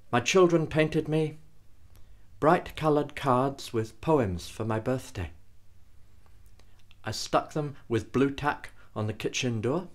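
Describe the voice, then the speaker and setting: A man reads his poems in an unhurried, deliberate way, letting each line land. His delivery is grave and measured, with long pauses between phrases. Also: medium pitch. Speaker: poet. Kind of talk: poetry reading.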